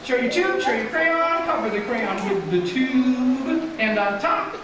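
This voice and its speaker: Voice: sits high, lively intonation, a little slow, noisy background. A kids party magician hosting a live children's show, talking the audience through things in simple steps. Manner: kids party magician patter, coaching a child volunteer step by step. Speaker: kids' show magician and entertainer. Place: live show in an echoey room. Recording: echoey room, far from mic, loud music.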